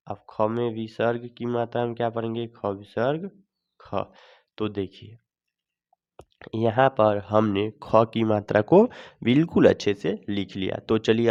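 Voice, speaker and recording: A man's voice: medium pitch, darkish tone, clean tone. A man teaching children to read letters, speaking patiently, repeating each sound and asking the class questions. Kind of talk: children's Hindi alphabet lesson. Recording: dull lo-fi sound.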